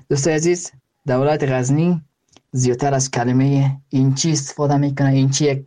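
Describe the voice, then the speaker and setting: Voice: mid-range voice, warm tone. A listener speaking in a recorded voice message, greeting friends and teaching local words.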